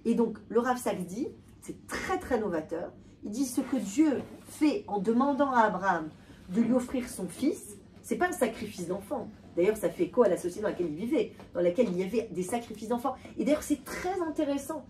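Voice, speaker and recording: A woman giving an animated talk to an audience, often repeating and restarting words. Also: a little high, brisk. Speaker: lecturer. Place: hall with a live audience. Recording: distant voice with faint room noise.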